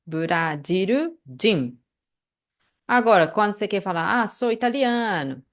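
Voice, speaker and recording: A woman with a Brazilian Portuguese accent teaching an online language lesson, patiently repeating phrases slowly and checking in with the listener. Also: medium pitch, animated.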